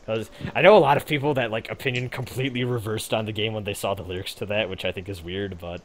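A man's voice: on the low side, fairly even intonation, quick pace. A young man co-hosting a gaming podcast, chatting casually in a rambling, laid-back way with frequent swearing and fillers. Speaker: podcast co-host.

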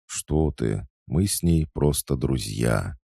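A man's voice: extremely low pitch, expressive, takes it slowly, vocal fry, slightly rough, no echo, studio quality, pitched above the performer's own voice, full character voice. A man voicing a charming, confident young man who speaks earnestly. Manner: earnest, gently indignant.

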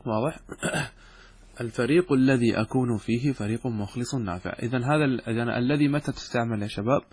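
Husky-voiced man teaching Arabic grammar. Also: mid-range voice, a little mellow, no echo. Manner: explains step by step, asks questions and answers them himself; draws out example words slowly. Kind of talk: classroom lesson on Arabic grammar.

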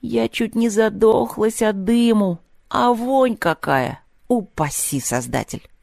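A woman reading aloud, voicing a fussy, indignant old grandmother who complains slowly and plaintively. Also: a little high, vocal fry, darkish tone, dry recording, clean studio sound, voice pushed up. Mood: aggrieved grumbling. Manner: slow, whining complaint.

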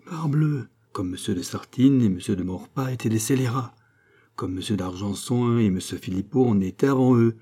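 A man voicing a calm, lecturing male doctor in an audiobook, with rhetorical, insistent phrasing. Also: medium pitch, normal speed, husky, close to an everyday voice. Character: male doctor, calm persuasive political thinker. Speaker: character in an audiobook.

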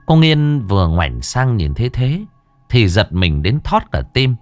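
A man's voice: mid-range voice, huge pitch swings, measured pace, dry recording, faint music behind. A man narrating a ghost story with a dramatic delivery.

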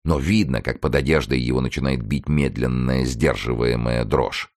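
A man reads literary narration in a very deep, gravelly voice. His delivery is measured and even. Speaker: audiobook reader.

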